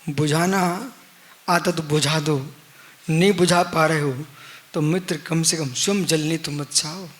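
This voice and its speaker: This monk preacher's pitch is fairly high and his tone steady as he gives a live religious sermon. He teaches slowly, returning to refrains and posing rhetorical questions, and moves between loud, emphatic moments and near-whispered lines.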